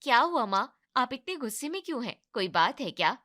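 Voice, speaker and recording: A woman plays a timid young daughter-in-law in an animated family drama. Her voice sits higher than the others and stays polite and pleading. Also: a little fast, full character voice.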